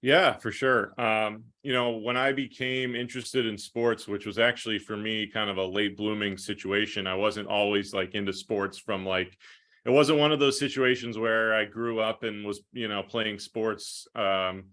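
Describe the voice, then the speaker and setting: A play-by-play broadcaster in his thirties from Rochester, New York, chats casually as a guest on a podcast. His voice is lowish and steady, with a sharp tone and moderate pace.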